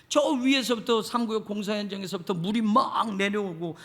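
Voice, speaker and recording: A middle-aged man preaching a church sermon as pastor, talking conversationally, dropping to hushed asides and rising to emphatic appeals. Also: high-pitched. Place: church sanctuary. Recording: long hall reverb.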